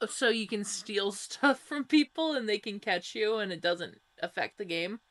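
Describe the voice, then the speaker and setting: A woman's voice: mid-range voice, expressive, normal speed, fairly bright tone. A woman co-hosting a podcast, chatting casually and riffing on ideas in a jokey, playful way. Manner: jokey, playful listener who riffs on ideas. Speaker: podcast co-host. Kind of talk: casual chat.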